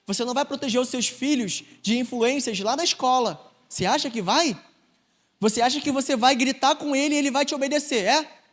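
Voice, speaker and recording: A young Brazilian man with a Rio accent preaches in a large church, his fairly high voice carrying long reverb through the hall. He speaks earnestly and personally, building emphasis as he goes. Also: fairly bright tone. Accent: Brazilian Portuguese, Rio de Janeiro. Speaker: deacon preaching. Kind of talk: sermon.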